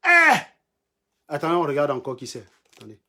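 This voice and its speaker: A man with a Cameroonian French accent runs a live stream and goes after his commenters with scorn. His voice sits at a middle pitch, and he hammers his points by saying them over again in a combative, mocking tone. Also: moderate pace. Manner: mocking, combative, repeats lines for emphasis. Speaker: livestream host. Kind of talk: insulting live-stream rant.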